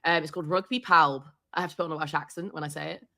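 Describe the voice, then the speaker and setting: A woman sports reporter chatting as an interview guest, telling animated stories and laughing often. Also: sits low, very fast, gravelly. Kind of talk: casual interview chat.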